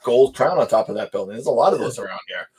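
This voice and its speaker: A man's voice: medium pitch, expressive, fast, a little mellow. A man with a Boston accent, a real estate investor guest chatting casually, laughing easily and restarting sentences. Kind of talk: casual chat.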